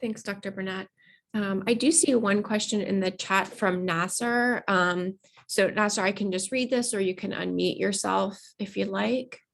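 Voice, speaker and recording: A woman moderating a workshop discussion over a video call, polite and brisk. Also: mid-range voice, fairly even intonation, gravelly.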